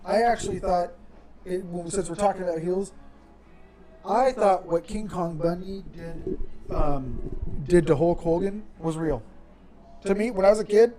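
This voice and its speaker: A man co-hosting a podcast in casual chat, excitable and jokey. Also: high voice, unhurried, rough recording. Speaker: podcast co-host. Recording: music and crowd noise behind.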